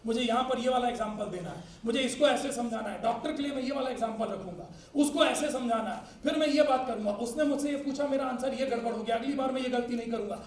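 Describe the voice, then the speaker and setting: A man giving an energetic, joking sales training talk who often laughs as he speaks and uses cricket analogies. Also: extremely high pitch, quick pace, few pauses. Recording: echoey room, distant mic, faint noise.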